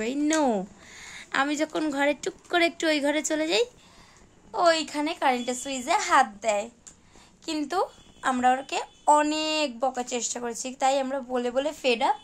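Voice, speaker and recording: A woman's voice: sits high, unhurried. A woman in her thirties filming a casual home vlog, chatting, teasing and scolding her child in a room indoors on a handheld phone camera. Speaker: mother vlogger.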